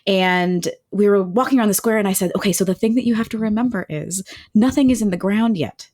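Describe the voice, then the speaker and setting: A woman, co-hosting a podcast in relaxed, chatty conversation, talking with enthusiasm and plenty of "like"s. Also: mid-range voice, fast talker. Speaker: podcast co-host. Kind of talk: casual chat.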